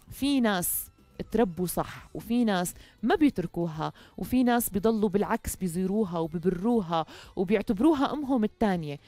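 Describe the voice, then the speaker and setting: A woman's voice: medium pitch, mellow, no room sound. A young woman with a Jordanian accent hosts a talk show, speaking conversationally in an earnest, emphatic way. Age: young adult. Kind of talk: conversational studio monologue. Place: TV studio, indoors. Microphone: headset.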